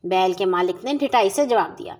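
Expressive woman reading a children's story. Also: medium pitch. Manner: expressive, voices every character.

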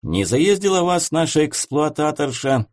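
A man voicing a cheerful, charming gentleman who greets and teases in a jovial way. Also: fairly high pitch, big pitch swings, normal speed, no echo, clean studio sound, pitched above the performer's own voice. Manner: jovial, teasing.

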